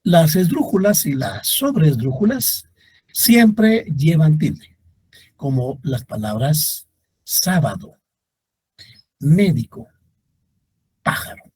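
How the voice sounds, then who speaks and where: Speaking straight to his students, this male teacher delivers a grammar lecture, pronouncing example words in a slow, deliberate way. His voice is a little high, sing-song, slightly mellow and husky, and the recording is dry.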